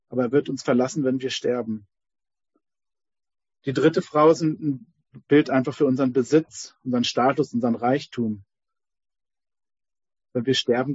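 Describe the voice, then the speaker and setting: A man with a husky, middle-pitched voice tells a parable to his course. He hesitates often and fills the pauses. The recording is dull, lo-fi and dry. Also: a little mellow, no room sound. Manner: hesitant, many fillers. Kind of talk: spoken talk with a told parable.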